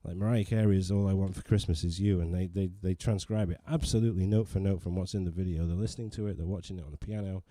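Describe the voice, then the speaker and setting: His voice is low, steady and mellow, moving at a quick pace with hardly any pauses and no room sound. He's a pianist hosting a laid-back livestream from his living room with a digital piano, rambling, self-deprecating and restarting often as he talks to viewers.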